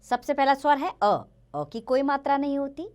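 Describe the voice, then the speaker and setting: A woman's voice: sits high, animated, moderate pace, a little mellow. A woman teaching a grammar lesson to children, explaining patiently and stretching out the example words.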